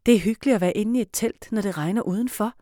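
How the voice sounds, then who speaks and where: A woman voicing a gentle, worried young girl in a storybook reading, speaking softly and earnestly. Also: mid-range voice, no echo, clean studio sound, voice pushed up, close to an everyday voice.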